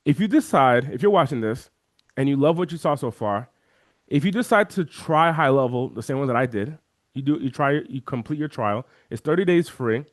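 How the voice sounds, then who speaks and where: A man talking as an interview guest, walking through software on a shared screen and acting out the voices of chat viewers. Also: mid-range voice, moderate pace, dry recording, studio quality. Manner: animated, acts out quoted chat voices. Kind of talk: energetic screen-share walkthrough.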